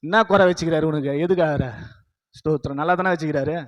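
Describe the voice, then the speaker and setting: A man's voice: a little high, fast talker. Male pastor, scolding sermon delivery, long church reverb. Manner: repeats "praise the Lord" and calls the congregation to say hallelujah; scolding, preachy, asks the congregation rhetorical questions.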